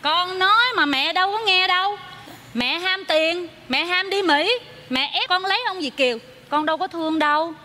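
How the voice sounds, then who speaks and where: A woman's voice: very high voice, moderate pace, pushed and bright. An actress playing a worried young adult daughter, pleading with her mother on a theater stage. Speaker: daughter in a stage comedy sketch. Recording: live stage audio with audience and noise.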